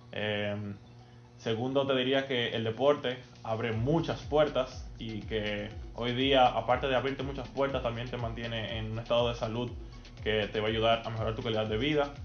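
Man, 22, athlete guest, thoughtful, hesitant, mid-pitched voice, echoey room, dull audio. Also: a little hiss or hum. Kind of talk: interview answers.

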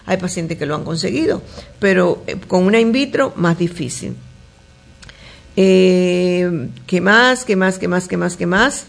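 On a call-in health advice radio show, a woman gynecologist reads out listeners' questions and answers them warmly and chattily, with plenty of fillers and restarts. Her lowish voice has lively intonation and vocal fry, and she speaks a little slowly.

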